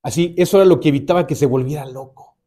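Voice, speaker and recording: A male preacher with a Mexican accent, delivering a sermon as animated storytelling full of rhetorical questions. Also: a little high, fast, husky.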